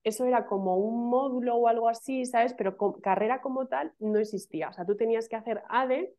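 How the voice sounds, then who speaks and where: A woman's voice: fairly high pitch, brisk. A woman in her thirties from Spain with a Castilian Spanish accent, a guest chatting casually and animatedly in a video call interview. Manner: chatty, animated, lots of fillers and laughs. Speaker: guest, email marketing specialist. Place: small room at home. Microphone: laptop microphone on video call. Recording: dull lo-fi video call audio.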